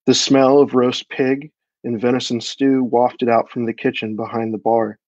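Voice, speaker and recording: A man reading his own dark fantasy story aloud at a live event, in a measured storytelling voice. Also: medium pitch, little pitch movement, no echo, dull audio.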